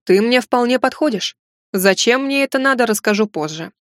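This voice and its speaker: A woman voicing a confident young male university lecturer who speaks slowly and calmly, with a dry, mocking edge. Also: a little high, dry recording, close to an everyday voice. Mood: calm teasing.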